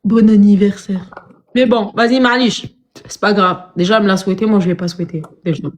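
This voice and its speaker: A woman's voice: mid-range voice, fast. A young woman chatting casually on a live stream, teasing and slangy, calling her viewers pet names. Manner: teasing, slangy, says "ma puce" a lot.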